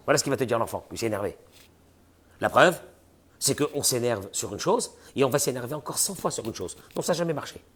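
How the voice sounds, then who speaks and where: A rabbi teaching a class speaks in a brisk, mid-range voice that's slightly rough. His lesson is animated, full of rhetorical questions, and he acts out the voices of the people he describes.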